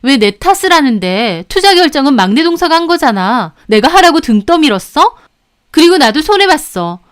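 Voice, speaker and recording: A woman voicing a rich, sharp-tongued wife who snaps back defensively in a family fight. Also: high-pitched, sing-song, normal speed, voice pushed up. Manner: snapping back.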